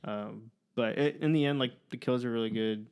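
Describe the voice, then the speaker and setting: A man co-hosting a podcast, chatting casually about films, easygoing and quick to laugh. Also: medium pitch, darkish tone, smooth. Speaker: podcast co-host. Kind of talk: casual film discussion.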